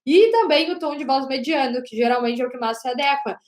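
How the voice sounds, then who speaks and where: A woman teaching an online lesson on body language as a communication coach, talking loudly and emphatically and often checking in with the audience. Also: high voice, fairly quick. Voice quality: loud, projecting voice. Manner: emphatic, with frequent "né?" and "gente". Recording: roomy echo.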